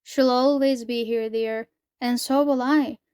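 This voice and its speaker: Give me a woman reading a sugary, affectionate mother, smooth voice. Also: fairly high pitch, steady tone, a little slow, darkish tone, no room sound, studio quality, close to an everyday voice. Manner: syrupy, generic endearments. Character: overly sweet, affectionate adult mother.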